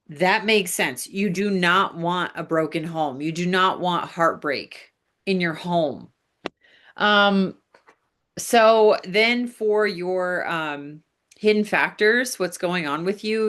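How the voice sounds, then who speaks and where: A woman with a lowish, fairly bright voice gives a casual tarot reading. She chats directly to the listener and uses lots of fillers.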